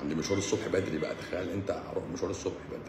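A man in his forties with an Egyptian Arabic accent, chatting casually on a live stream, sarcastic and mocking, swinging between loud outbursts and low mutters. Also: steady tone, rapid-fire, echoey room, very noisy. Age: 40s. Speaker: doctor hosting a live stream. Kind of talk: casual live-stream chat answering comments.

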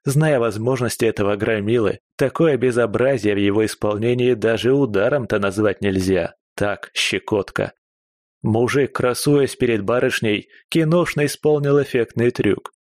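Man, audiobook narration, first person, steady, mid-pitched, dry close recording. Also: moderate pace, no echo.

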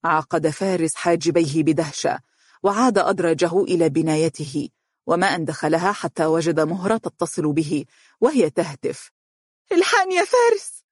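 A narrator with an Egyptian accent reading a novel aloud in a steady, formal manner. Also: medium pitch, moderate pace, breathy edge, no echo, studio quality. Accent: Egyptian Arabic.

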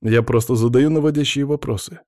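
Casting: composed investigator, soft measured questions, dark mellow tone, read by a male narrator. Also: mid-range voice, dry recording, studio quality, pitched above the performer's own voice, close to an everyday voice. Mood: probing. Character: calm, probing male investigator, gently ironic.

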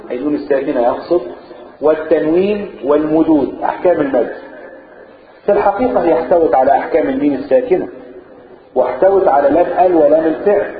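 A man with an Egyptian Arabic accent teaching Quran recitation rules, questioning his listeners and answering himself, drawing words out slowly when quoting the text. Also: on the high side. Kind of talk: classroom lesson explaining verses. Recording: echoey, phone-like, listeners audible.

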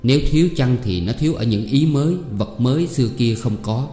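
A man voicing an earnest middle-aged father who explains things patiently and in a measured way, in a storybook reading. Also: medium pitch, warm tone, natural voice. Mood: lecturing. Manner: measured, instructive, sentence by sentence. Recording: reverberant hall with faint music.

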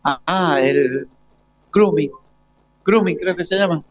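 Recorded dry, with the dull lo-fi quality of a live broadcast, this Argentine radio interviewer in his forties speaks in a voice on the high side. He talks casually with students, hesitating and reworking his questions repeatedly.

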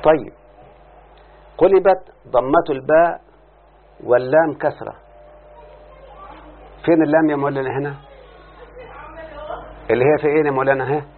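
A man's voice: fairly high pitch, steady tone, brisk, pauses often. A man with an Egyptian accent teaching a grammar lesson, drawing out key words and asking his students to confirm each step. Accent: Egyptian Arabic. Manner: repeats questions to students, stretches out key words. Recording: phone-like lo-fi recording.

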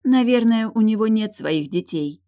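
A woman voicing a defiant young captive woman who mocks her captor loudly, in an audiobook. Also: a little high, lively intonation, normal speed, pitched above the performer's own voice. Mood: mocking. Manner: mocking, loud.

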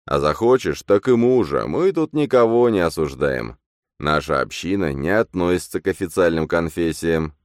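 A man's voice: low voice, animated, normal speed, no room sound, clean studio sound. A man voicing a sly, scheming sect priest who speaks in a coaxing, unctuous way. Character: sly middle-aged male sect priest, smooth and scheming.

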